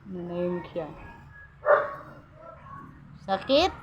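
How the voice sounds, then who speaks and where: A woman's voice: on the low side, expressive, takes it slowly, highs cut off. A woman talking in coaxing baby talk to her pet in a casual home video. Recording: loud background noise.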